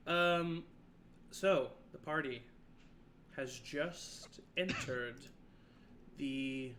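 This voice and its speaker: A man's voice: fairly high pitch, sharp tone, a little hiss or hum. A man speaking through a voice changer, narrating a tabletop game as game master with a hesitant, filler-heavy delivery. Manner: hesitant, many filler pauses.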